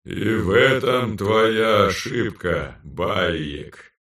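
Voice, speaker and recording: A man's voice: lowish voice, lively intonation, extremely slow, a bit bright, far from the mic, full character voice. A man voicing ancestral spirits speaking through a possessed man, in a cold, colorless, dead-sounding voice with an echoing, otherworldly effect like a demonic double voice. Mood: cold, detached. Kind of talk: audiobook character voice.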